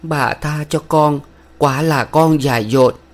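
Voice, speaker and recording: A man's voice: fairly high pitch, a little slow, pitched above the performer's own voice. A man voicing a timid, tearful young village woman who pleads in a trembling voice in a read-aloud novel. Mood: pleading.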